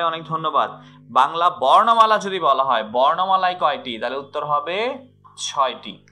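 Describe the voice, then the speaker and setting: Bright-voiced man teaching grammar. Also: on the high side. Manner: repeats questions and coaxes students to answer. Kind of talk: live online class.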